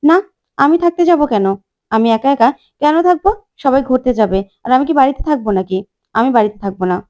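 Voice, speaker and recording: A lecturing old grandmother who moralizes and scolds, as a woman puts her on. The voice sits fairly high but mellow and soft-edged. She delivers her rebukes in a storytelling recap. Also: animated, quick pace. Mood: indignant. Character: scolding elderly grandmother, stern and preachy.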